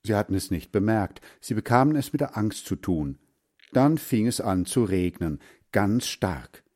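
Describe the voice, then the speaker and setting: A man slowly reading a children's story aloud with expressive delivery. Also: on the low side. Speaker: narrator.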